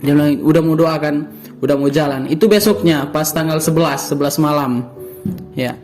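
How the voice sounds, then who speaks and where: A young man with a Manado Malay accent, telling his story to an interviewer. His voice sits a little high, and he acts out the words of the people in his story, restarting often. Faint music plays underneath. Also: moderate pace, a little mellow. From North Sulawesi, Indonesia. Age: young adult. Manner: storytelling, reenacts quoted dialogue, many restarts. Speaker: interview guest. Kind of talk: personal testimony in conversation.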